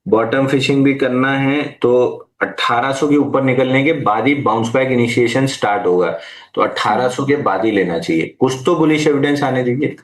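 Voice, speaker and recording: A man's voice: mid-range voice, moderate pace. Man giving market advice, echoey room. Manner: patient, advisory, uses Hindi mixed with English terms. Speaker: market analyst guest. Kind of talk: live market Q&A, explaining stock levels.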